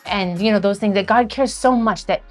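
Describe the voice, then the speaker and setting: A woman's voice: medium pitch, a little fast, soft background music. A woman interviewing a church member, reflective and affirming about his testimony.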